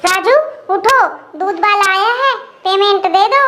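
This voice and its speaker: A high voice doing a sharp-tongued bossy wife. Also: measured pace, very noisy. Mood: snappy. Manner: snappy retorts.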